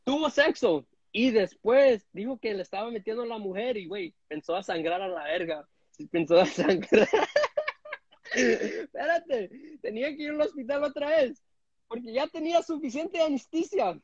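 A man tells crude stories from home, stumbling through restarts. His voice sits high and sounds husky. The phone audio is dull and dry. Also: very animated, moderate pace, dry recording. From United States. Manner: crude, rambling, many restarts. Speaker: guest caller on a live stream. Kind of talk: casual chat. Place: indoor room at home. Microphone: phone front camera at arm's length.

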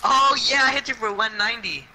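A man's voice: very high voice, fairly quick, sharp tone. A man chatting as an opponent in a 1v1 game, teasing and joking. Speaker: gamer opponent in a 1v1 match. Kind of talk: casual gaming voice chat.

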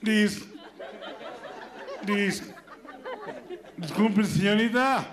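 A man's voice: high voice, drawn-out words, background noise, voice pushed up. A man voicing a stammering, bewildered male pediatrician, with a Mexican accent. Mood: flustered. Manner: stuttering, exclaiming. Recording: live stage with loud crowd and music.

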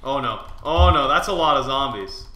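Bright-voiced man commentating on his gameplay. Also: mid-range voice, expressive, moderate pace, echoey room. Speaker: gaming video host and player.

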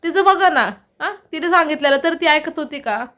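A woman with a high-pitched voice pours out her grievances in an emotional personal vlog. She sounds distressed and keeps throwing out rhetorical questions about why she is being blamed. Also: animated, normal speed, bright, forceful tone. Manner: aggrieved, full of repeated rhetorical questions. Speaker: vlogger.

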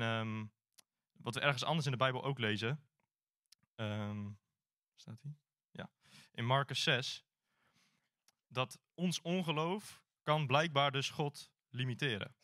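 A man delivers an informal sermon as a church elder. He talks in a hesitant, searching way, with frequent pauses, at a mid pitch. The sound is dry and close. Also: pushed and bright, no echo.

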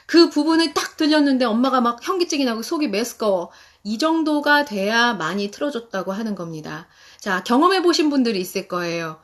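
A woman in her thirties hosting a live-stream guide for parents, talking in an animated way and reading English phrases slowly. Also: fairly high pitch.

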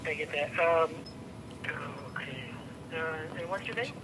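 A man's voice: on the high side, unhurried, noisy background. A man answering a work phone call as a store employee, polite and hesitant in a casual way. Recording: phone speakerphone, busy background chatter.

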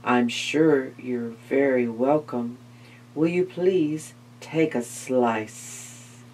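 A woman voicing a cunning male spider in a read-aloud storybook, coaxing in a slow, honeyed way. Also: extremely low pitch, warm tone, slight background noise, voice pushed down, heavily acted. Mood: flattering. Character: cunning male spider, smooth sweet-talker.

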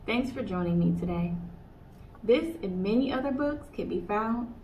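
This one has a medium-pitched, darkish voice, expressive and at normal speed: a young American woman who is a children's librarian, reading a picture book to kids in a playful sing-song. It's a small indoor room, and the recording is slightly distant, dull, with faint hiss.

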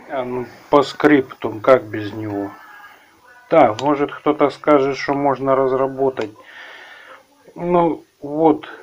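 A man with a Ukrainian accent talks through a car repair outdoors, filming his own hands on a handheld camera. His pace is slow, and his talk is plain and rambling, with mid-range pitch. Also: lo-fi sound. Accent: Ukrainian-accented Russian. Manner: unhurried, rambling, plain-spoken. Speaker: car repair video host. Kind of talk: casual how-to vlog.

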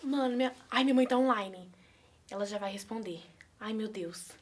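A woman's voice: medium pitch, moderate pace. A young woman with a Brazilian accent chatting nervously and giggling through a prank video. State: anxious. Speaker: YouTuber pranking her mother. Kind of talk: casual prank vlog chat.

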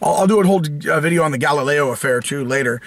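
A man's voice: fairly high pitch, very fast, fairly bright tone, no room sound. An American man hosting his channel, ranting casually in a rambling, sarcastic way with lots of restarts and fillers. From United States. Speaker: channel host. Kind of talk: casual opinion rant.

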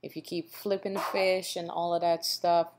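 Woman, low voice, cooking tutorial voice-over, instructive, repeats tips with "okay?". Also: level tone, moderate pace, noisy background. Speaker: cooking channel host.

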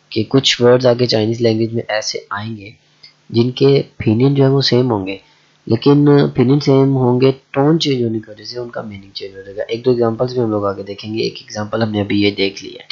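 A man who teaches a language lesson, talking slowly and repeating himself with many fillers. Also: medium pitch, fairly even intonation, husky. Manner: slow and repetitive, with many fillers. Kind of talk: explaining a lesson. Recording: dull lo-fi audio.

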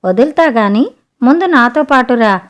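A woman's voice: a little high, expressive, moderate pace, natural voice. A woman voicing a blunt, impatient grown fisherman in a spoken storybook, who keeps demanding answers. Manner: demanding, questioning.

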